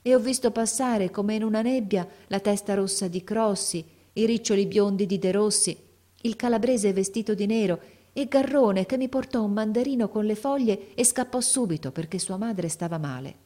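A woman reading a classic novel aloud as audiobook narration, gently and in measured phrases. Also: medium pitch.

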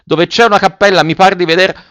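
A man's voice: fairly high pitch, expressive, normal speed, fairly bright tone, voice pushed up. A man reading an audiobook voices a brave, eager young boy lookout who calls out in a raised, earnest voice.

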